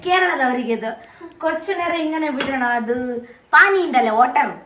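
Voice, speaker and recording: A woman's voice: high voice, expressive, normal speed, bright, forceful tone, distant mic, a little hiss or hum. A woman cooking at home, chatting casually and joking. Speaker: home cook on a family vlog. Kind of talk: casual kitchen chat. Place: home kitchen. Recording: roomy kitchen, a bit off-mic.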